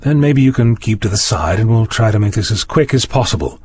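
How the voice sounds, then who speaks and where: Man acting an eccentric doctor, animated and musing. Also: on the low side, brisk, breathy edge, dry recording. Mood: calm, dismissive. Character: eccentric male time-travelling doctor, brisk, curious, courteously dismissive. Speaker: lead actor in an audio drama. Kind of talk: audio drama acting.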